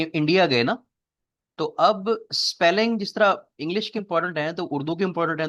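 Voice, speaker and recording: A man's voice: on the high side, muffled recording. A man lecturing a classroom, explaining things step by step and quizzing his students. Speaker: teacher.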